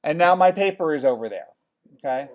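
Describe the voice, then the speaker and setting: Male instructor, a touch high-voiced, casual and talkative, walking a class through software. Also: expressive, fairly quick. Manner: chatty, checks in with "okay?" often. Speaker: college theater design instructor.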